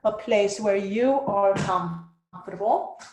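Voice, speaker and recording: A woman leading guided yoga and meditation in a gentle, soothing way, with spacious phrasing. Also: mid-range voice, slow pace, gravelly. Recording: roomy, echoing space.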